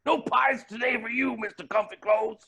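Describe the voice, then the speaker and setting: A man doing a gleeful, gravelly villain billionaire. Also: very high-pitched, steady tone, moderate pace, bright, forceful tone, heavily acted. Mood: gloating. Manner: theatrical, cackling, posh exclamations.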